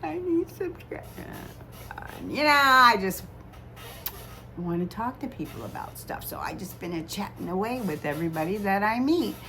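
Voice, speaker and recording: A woman's voice: medium pitch, big pitch swings, normal speed, sharp tone, a little hiss or hum. A woman in her sixties, slightly tipsy, chatting casually and ramblingly as a vlogger. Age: 60s. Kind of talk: casual chat.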